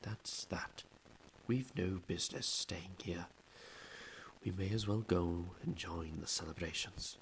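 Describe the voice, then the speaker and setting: Elderly wise headmaster, unhurried, dry humour, low voice, read by a man. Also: creaky, a little hiss or hum, heavily acted. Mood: quiet.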